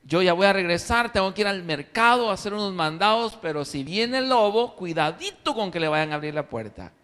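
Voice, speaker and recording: A man's voice: high voice, lively intonation, a little fast, fairly bright tone, smooth. A man voicing a caring but strict mother goat who warns her kids, recorded in an echoey church hall. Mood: warning. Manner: warning, motherly tone.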